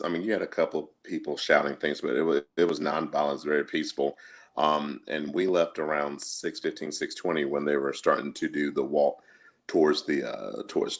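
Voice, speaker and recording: A man co-hosting a casual show from home, telling things in a halting, conversational way. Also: a bass voice, gravelly. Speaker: podcast co-host. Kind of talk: casual chat, recounting events. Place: indoors at home, remote call.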